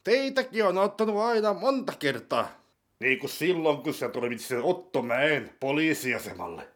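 A man voicing a nervous, fussy, simple-minded male sidekick with a high, strained, whiny voice. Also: big pitch swings, a bit bright. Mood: fretful.

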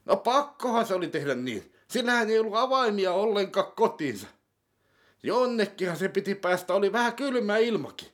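A man voicing a nervous, fussy, simple-minded male sidekick with a high, strained, whiny voice. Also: big pitch swings, fairly bright tone. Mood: fretful.

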